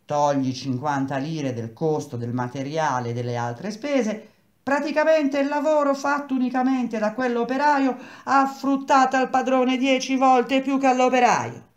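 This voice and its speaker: A woman's voice: high-pitched, normal speed, voice pushed up, close to an everyday voice. A woman voicing a stubborn, earnest bricklayer husband who explains things in an echoey room. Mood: explaining.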